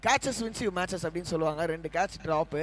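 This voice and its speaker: High-voiced cricket commentator man. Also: a little fast. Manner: steady score updates, mixing English words. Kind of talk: live local cricket commentary.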